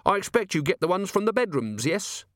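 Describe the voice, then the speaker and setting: A man's voice: high-pitched, sing-song, brisk, no echo, voice pushed up. A man doing a shrewd, dry watch commander. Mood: probing. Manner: dry, gently coaxing questions. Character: shrewd, gently probing male watch commander.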